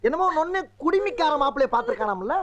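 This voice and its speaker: A lovesick, boastful village fellow in a film comedy, full of rambling, exclamatory talk. The voice sits very high for a man. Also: sing-song, quick pace, fairly bright tone, dull audio, a little hiss or hum, exaggerated voice. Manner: exclamatory, rambling comic banter. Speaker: comic actor in a film. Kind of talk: Tamil film comedy scene.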